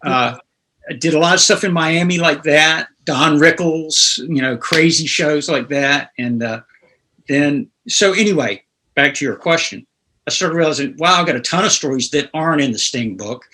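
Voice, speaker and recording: This guest guitarist, a North Carolina man in his sixties, spins rambling anecdotes in a casual interview and laughs his way through them. His voice sits on the high side, bright and forceful, at a normal speed. The audio quality is poor.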